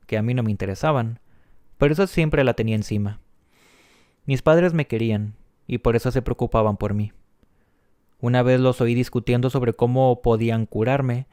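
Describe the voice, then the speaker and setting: A man reading a novel aloud in a calm, measured way, lightly voicing the quoted lines. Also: mid-range voice, clear, resonant tone, no room sound, clean studio sound. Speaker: audiobook reader. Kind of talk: audiobook narration.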